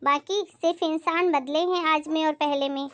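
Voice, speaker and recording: A self-righteous, sharp-tongued mother-in-law, voiced by a woman in a home comedy skit. She scolds in a very high voice. The sound is close and dry, with no room echo. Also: steady tone, normal speed, natural voice. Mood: scolding. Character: nagging scolding middle-aged mother-in-law.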